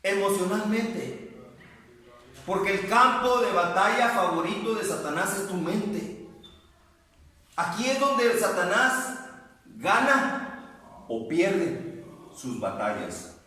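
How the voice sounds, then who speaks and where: A male pastor preaching with fervor, often slipping into pleading, prayerful speech. His voice is high and bright. He sounds distant from the mic, with long reverb from a large echoing hall. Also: lively intonation, slow, long pauses, slight background noise. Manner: fervent, pleading prayers acted out aloud. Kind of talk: sermon.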